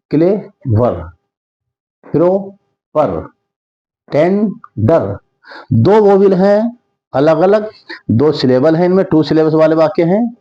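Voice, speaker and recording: Man, grammar teacher, fairly high voice, drawn-out repetitive drilling, slightly muffled recording. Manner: slow, emphatic, repeats words to drill them. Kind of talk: Hindi-language grammar lesson.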